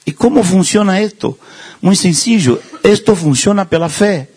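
A man's voice: sits high, expressive, moderate pace, darkish tone, husky. A man preaching a sermon in a conversational way, with self-deprecating humor, acting out the voices of people he quotes.

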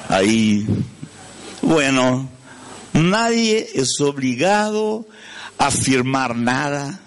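A mid-range male voice belongs to a native Portuguese speaker from Brazil who preaches a storytelling sermon in Spanish with a Brazilian Portuguese accent. Along the way he regularly asks the listeners questions and hunts for words.

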